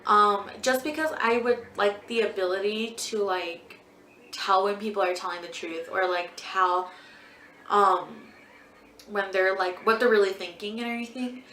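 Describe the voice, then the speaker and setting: A woman's voice: medium pitch, fairly even intonation, measured pace, pushed and bright, slight background noise. A twenty-year-old woman answering viewer questions as a beauty vlogger in a casual, rambling way, full of ums and likes. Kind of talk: casual Q&A chat. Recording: echoey room.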